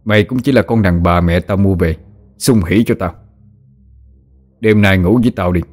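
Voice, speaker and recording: A man's voice: low-pitched, normal speed, soft background music. A man voicing a cruel, jealous ghost husband who threatens and sneers at his young wife. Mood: angry, menacing.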